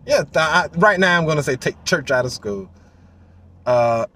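A man in his forties giving animated, casual commentary from inside a parked car, acting out voices and swearing freely. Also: fairly high pitch, moderate pace. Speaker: vlogger. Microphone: phone on the dashboard.

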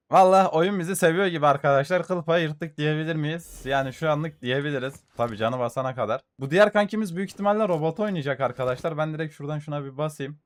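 A young man giving gameplay commentary for a mobile shooter, excitedly taunting enemies and muttering to his audience, with gunfire behind him. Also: a little high. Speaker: gaming YouTuber.

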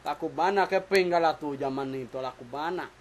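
A man's voice: fairly high pitch, moderate pace, slight background noise, poor audio. A man who is a music producer, chatting casually and jokingly in a small recording studio, picked up by a camera mic. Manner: boastful, joking, slangy.

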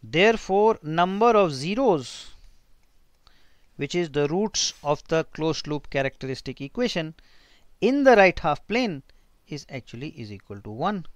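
Male lecturer, North Indian accent, informal think-aloud teaching, crisp voice, dry close sound. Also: fairly high pitch, very animated, unhurried, dry recording. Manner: informal, thinking aloud, mixing in Hindi asides. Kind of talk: technical lecture with handwritten working.

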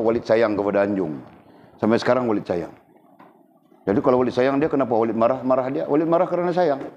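A man with a mid-range, slightly mellow voice leads an informal religious lesson, checking often that people are with him as he talks conversationally. The dull lo-fi recording has a bit of hiss or hum.

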